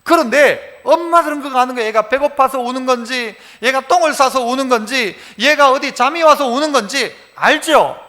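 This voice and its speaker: A man's voice: very high-pitched, moderate pace, few pauses, pushed and bright, in a large hall. A male pastor, preaching a sermon in a church sanctuary in a conversational way, asking the congregation many questions.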